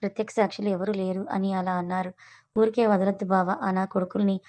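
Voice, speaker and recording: వేగంగా కథ చదివే మహిళ. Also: female voice, medium pitch, level tone, fast talker, darkish tone. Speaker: storyteller. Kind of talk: narrated serial story reading.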